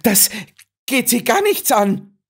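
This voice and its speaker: A man voicing a shrill, flustered female lab assistant. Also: sing-song, takes it slowly, slightly rough, full character voice. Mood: indignant. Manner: shrieking, indignant.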